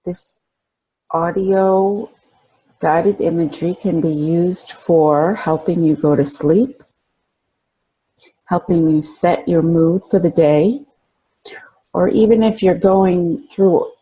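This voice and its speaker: A woman with a lowish, soft, mellow voice, husky and breathy, guides a relaxation meditation at a very slow pace. Her instructions are calm and soothing, with gaps left between phrases, though the recording is poor.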